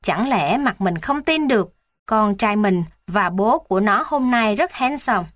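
A woman reading aloud old class diary entries in a calm, lightly amused way. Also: mid-range voice, measured pace, no echo, studio quality.

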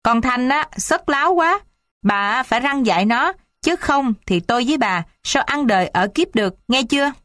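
A woman voicing a bad-tempered middle-aged father who shouts and scolds his family. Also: extremely high pitch, expressive, normal speed, no room sound, clean studio sound. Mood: angry shouting.

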